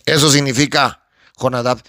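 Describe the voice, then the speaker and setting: Recorded in studio quality with no echo, a male pastor from Guatemala speaks at a normal pace in a mid-range voice. He teaches a sermon in an animated, conversational way, addressing people as brother and sister and appealing to the audience for help.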